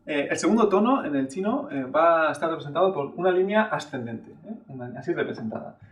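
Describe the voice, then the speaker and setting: A man with a slightly high, expressive voice gives a brisk yet patient Chinese lesson in a classroom-style video. Exaggerated sample syllables show the tones, and he often checks understanding with a questioning "eh." The audio is roomy and echoing, with him far from the mic.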